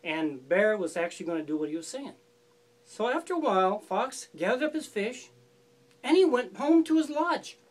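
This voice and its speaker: A woman telling a forest folk tale aloud in a relaxed, conversational manner. Her pitch moves in a lively, expressive way. She leans on repetition as a spoken storyteller does. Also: normal speed.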